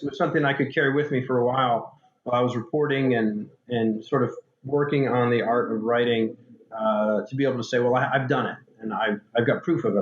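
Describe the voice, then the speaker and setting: Man as interview guest, frank and darkly funny, roomy and slightly muffled audio. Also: mid-range voice. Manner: candid, dark-humored storyteller with many restarts. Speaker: author and paramedic guest. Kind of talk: storytelling in a podcast interview.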